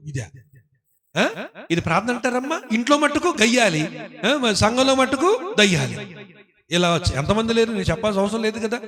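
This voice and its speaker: A male pastor preaching in church, animated, questioning and teasing his congregation and acting out the voices of people in his stories. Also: sits high, brisk, a crowd in the background. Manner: animated, acts out voices of people praying and scolding. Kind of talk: sermon.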